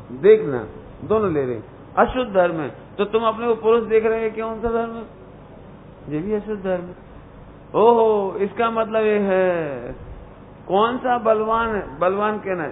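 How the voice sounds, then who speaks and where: A man with a high voice teaches a religious discourse, often questioning his listeners and chuckling at his own points. The sound is thin and phone-like, with a faint hiss behind it. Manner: questioning the listeners, calling them "beta". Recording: tinny phone-like lecture recording with faint hiss.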